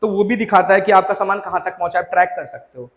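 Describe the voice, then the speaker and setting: High-voiced man teaching in a reverberant room. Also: fairly even intonation, quick pace. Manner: chatty explaining, mixes English terms. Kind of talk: classroom lecture.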